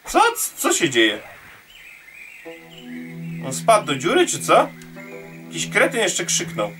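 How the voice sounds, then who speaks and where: A man's voice: on the high side, huge pitch swings, slow pace, bright, forceful tone, distant mic, soft background music. A man giving playful, jokey commentary on a game he is playing, swearing and teasing the enemies on screen. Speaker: gameplay commentator. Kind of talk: let's play commentary.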